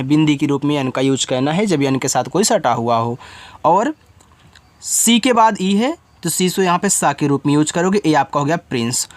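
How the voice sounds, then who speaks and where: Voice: mid-range voice, dry recording. Teacher guy or gal spelling words out one letter at a time, casual and direct, mid voice, dry close sound. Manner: spells words letter by letter, then explains meaning; talks directly to the learner, informal. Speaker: English teacher. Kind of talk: step-by-step spelling lesson.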